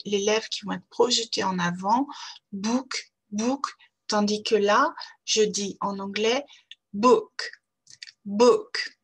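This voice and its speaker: A woman's voice: mid-range voice, husky. A woman pronunciation teacher, speaking in a patient, carefully articulated way as she repeats model words. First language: French.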